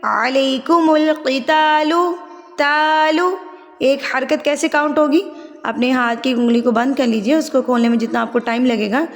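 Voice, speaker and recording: A woman with a Pakistani Urdu accent gives a patient tajweed lesson. Her voice sits high, and she drawls the recited words slowly. A long reverb trails after each line. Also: steady tone. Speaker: Quran recitation teacher.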